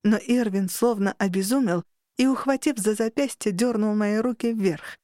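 A woman narrating a fantasy audiobook in the first person, with expressive, steady storytelling. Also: medium pitch, normal speed, no room sound, clean studio sound.

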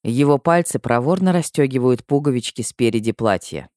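A woman reading a first-person audiobook with emotional delivery and sudden high cries. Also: lively intonation, moderate pace, mellow, dry recording, studio quality. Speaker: audiobook narrator.

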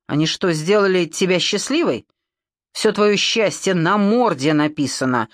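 A woman's voice: on the low side, lively intonation, a little slow, dry recording, studio quality. A woman voicing a bold, sarcastic young woman in an audiobook. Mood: defiant mocking. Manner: defiant, sarcastic.

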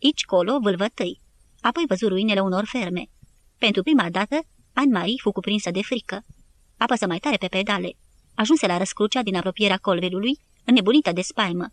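A woman with a medium-pitched voice narrates a war history audiobook, reading from a script in an even, measured way.

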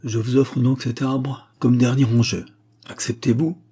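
A man's voice: mid-range voice, little pitch movement, unhurried, warm tone, breathy edge, voice pushed up. A man voicing a proud, impetuous young nobleman who speaks in a haughty, disdainful way.

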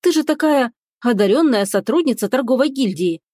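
A woman's voice: high voice, expressive, a little fast, dark tone, dry recording, clean studio sound, voice pushed up. A woman voicing an eager, earnest young woman clerk in an audiobook.

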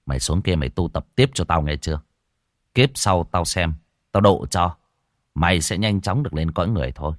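A man's voice: low-pitched, animated, brisk, no room sound, clean studio sound. A man voicing a brash young exorcist who talks bluntly and brusquely.

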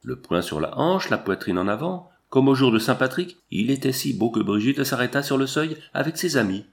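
A man's voice: mid-range voice, animated, a little fast, vocal fry. Man reading a story aloud. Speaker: audiobook reader. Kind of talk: scripted narration.

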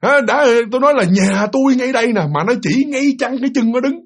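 A man's voice: very high-pitched, animated, fast, slightly rough, pitched above the performer's own voice, full character voice. A man voicing a child ghost speaking through a boy, blunt and talking to an adult as an equal. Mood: indignant.

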